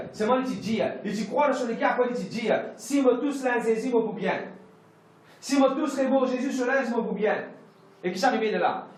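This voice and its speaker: Man, pastor, emphatic repetitive sermon, echoey church hall. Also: very high voice. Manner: emphatic, repetitive preaching with English phrases mixed in. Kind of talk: preached sermon.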